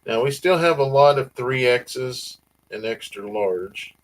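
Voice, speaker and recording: A man's voice: mid-range voice, animated, measured pace, rough recording. A man with a Southern US accent hosting a casual family-farm livestream, reading viewer comments in a laid-back drawl. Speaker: livestream host.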